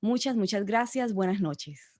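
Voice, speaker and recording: A woman's voice: mid-range voice, expressive, a little slow, a little mellow. A woman moderating an online discussion, polite and gracious as she wraps up with thanks. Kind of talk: formal closing remarks.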